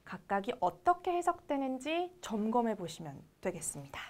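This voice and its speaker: Lively high-voiced woman teaching English. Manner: reads English phrases very slowly for repeating; explains in Korean, then models English lines. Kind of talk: recorded English lesson for Korean learners.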